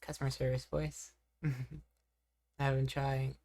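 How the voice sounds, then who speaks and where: A young woman with an exceptionally low voice chats casually on a live stream. She rambles, reacts to her chat, and teases herself between tasks, all at a relaxed pace. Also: a little slow.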